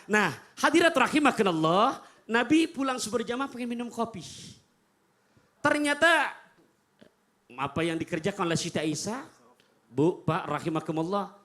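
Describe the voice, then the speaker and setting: A man preaching a humorous sermon to a live audience, animated and joking. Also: high-pitched. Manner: animated, jokey, addresses audience.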